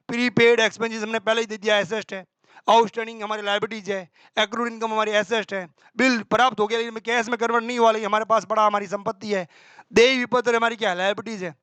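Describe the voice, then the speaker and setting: A male teacher running a quick exam-prep accounting class, quizzing himself aloud and answering in a student's voice, with homely examples. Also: high voice, sharp tone, smooth, dry recording. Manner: brisk and colloquial, with homely examples.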